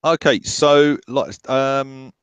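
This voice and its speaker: A man narrating a tabletop horror game at an unhurried pace, stopping often to gather his thoughts with ums and half-finished words. His voice sits at an ordinary pitch and sounds dry and close, with no room around it. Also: clean tone, dry recording, dull audio. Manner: halting, full of ums and restarts. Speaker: game master.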